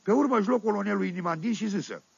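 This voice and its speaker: This is a storyteller from 1970s radio comedy: an actor giving a folksy Oltenian villager of middle age an amused, meandering monologue in an Oltenian accent. His male voice is high-pitched, husky and full of vocal fry, pushed into an exaggerated performance. The recording is a dry, dull 1978 vinyl radio track.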